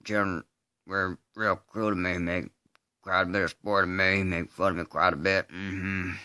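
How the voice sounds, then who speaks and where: An amateur voice artist re-enacts a film scene as a dramatic monologue, playing a slow, simple-minded rural man who confesses to a killing without any remorse. His Southern US drawl is low, hard-edged and resonant, delivered in flat, halting phrases broken by grunted hums, with a flat, matter-of-fact mood. The tone is clear and resonant, with clean studio sound and no room sound.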